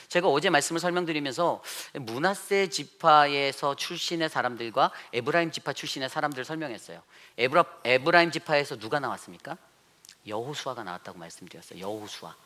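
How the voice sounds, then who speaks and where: Bright-voiced Korean pastor preaching animatedly. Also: male voice, medium pitch. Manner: animated preaching, acting out boastful quoted voices, asking the congregation questions. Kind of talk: sermon.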